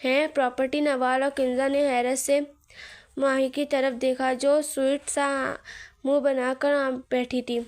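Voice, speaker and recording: A woman reading a romantic novel aloud, voicing the quoted dialogue in her own voice at an even, unhurried pace. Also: sits high. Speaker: novel reader.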